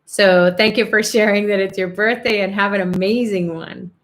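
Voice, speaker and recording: With a medium-pitched, fairly evenly intoned voice at normal speed, this middle-aged woman runs an online prayer and chanting call. Warm and upbeat, she laughs a lot, uses many fillers, and chats casually while reading comments aloud to the spiritual group.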